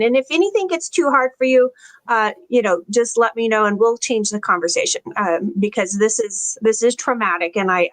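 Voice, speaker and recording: A woman hosting an interview, talking in a gentle, reassuring way with many fillers. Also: on the high side, dry recording, rough recording. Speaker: interview host. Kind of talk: conversational interview.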